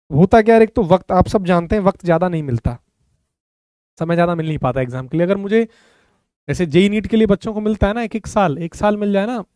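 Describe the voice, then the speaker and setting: A man's voice: high voice, a little mellow, dry recording. A man teaching a physics class online, calling students "beta" and explaining step by step in a conversational way.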